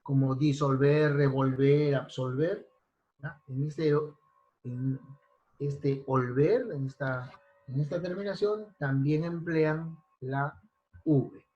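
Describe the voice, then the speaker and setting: A man's voice: fairly high pitch, fairly even intonation, mellow, lo-fi sound. A man teaching an online spelling class, listing example words one by one and checking in with his students. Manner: slow, deliberate, lists examples and checks in with "¿ya?". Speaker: language teacher. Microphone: computer mic in an online class.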